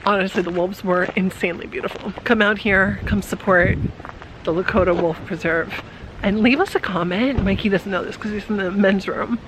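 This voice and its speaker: A woman's voice: mid-range voice, moderate pace. A woman co-hosting a casual travel vlog outdoors, chatty and giggly, talking into a handheld camera. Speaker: vlog co-host. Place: outdoors at a wildlife preserve. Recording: outdoor wind and noise.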